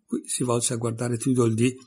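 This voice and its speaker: A man narrating a storybook in a calm, measured way. His voice is husky and mid-pitched, steady from line to line. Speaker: audiobook reader. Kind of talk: scripted narration.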